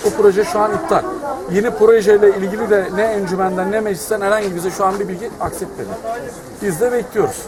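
High-voiced Thracian man addressing press. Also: fairly even intonation, fast, very noisy. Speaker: market tradesmen's representative. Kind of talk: statement to the press. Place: outdoor street market. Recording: busy market crowd behind.

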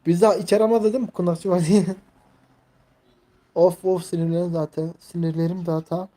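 A man's voice: sits high, fairly even intonation, fairly quick, dark tone. A man in his twenties chatting casually on a live stream, rambling, leaning heavily on fillers and reading viewers' messages aloud. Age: 20s. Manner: rambling, filler-heavy, reads chat aloud.

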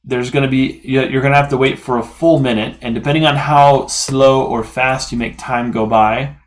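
A man walks through a coding lesson in a relaxed, unscripted way, thinking aloud and correcting himself as he goes. His voice sits at an ordinary middle pitch for a man. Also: normal speed. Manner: casual, thinking aloud with fillers and self-corrections. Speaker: programming tutorial host. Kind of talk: screen-recorded coding lesson.

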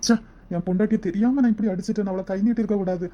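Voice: mid-range voice, steady tone, dark tone, highs cut off, lightly acted. A voice actor voicing a guilty village father in a cartoon, begging his wife's forgiveness. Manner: quick, guilty, pleading. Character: remorseful village father, rough but sorry. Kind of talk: cartoon voice acting.

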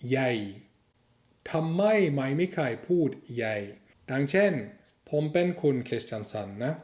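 A man's voice: on the high side, animated, moderate pace, a little mellow. Chatty man teaching in an echoey room. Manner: chatty, corrects own slips with a laugh. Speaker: language teacher. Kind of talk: casual video lesson.

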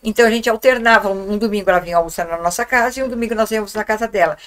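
A woman's voice: medium pitch, racing. A woman, telling childhood memories as a guest in a small podcast studio, speaking reflectively into a desk microphone. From Guarulhos, Brazil. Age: 70s. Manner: warm, reflective storytelling with gestures. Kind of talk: reminiscing interview talk.

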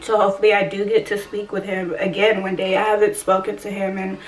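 A woman's voice: mid-range voice, little pitch movement, fast. A woman in her twenties telling a personal story in a casual vlog, blunt, emotional and full of swearing. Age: 20s. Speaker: vlogger. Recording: roomy echo, distant from the mic, faint ambient noise.

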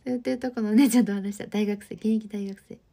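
With a quick pace and fairly even intonation, this Osaka-born livestream host in her twenties reads viewer comments and chats with them in a friendly way. She speaks in the Osaka dialect, and her mid-range voice is creaky and dark-toned.

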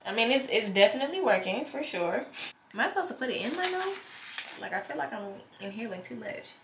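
With background noise behind her, a teen girl talks a little high, animated and fairly quick, sounding congested through a stuffy nose. It's loose, rambling vlog chat, candid and full of asides.

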